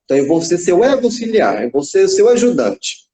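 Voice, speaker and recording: In a live video chat recorded on a phone in an echoey room, a young male psychodrama psychologist casually describes a therapy session with a child and acts out the dialogue. His high-pitched voice is mellow and very animated, at normal speed.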